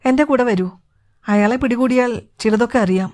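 Brief: woman narrator doing a calm, confident male detective, measured delivery, fairly high voice. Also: natural voice. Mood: composed.

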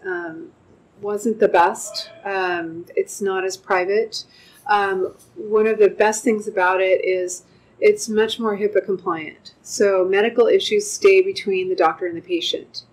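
An older woman, a clinic manager, gives an unscripted customer testimonial in a measured way, pausing often with "um", seated indoors with a lapel mic. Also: mid-range voice, low-quality recording. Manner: measured, frequent "um" pauses. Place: wood-paneled room with large windows, indoors.

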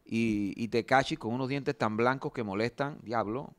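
A man, a panelist who speaks in an animated, exclamatory way and swears often in gossip talk. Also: medium pitch, normal speed.

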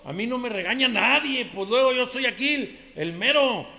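A man's voice: very high voice, expressive, moderate pace, pushed and bright, in a large hall, voice pushed up, heavily acted. A Mexican man playing a boastful, henpecked macho ranchero who rambles through defensive denials. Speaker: comedian.

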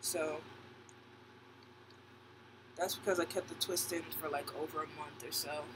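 Brief: young man, high voice, wearing braces, candid filler-heavy vlog chatter, audible hum behind. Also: fairly even intonation, unhurried. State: speaking with braces on. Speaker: vlogger. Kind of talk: casual vlog update. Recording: audible background noise, air conditioning hum.

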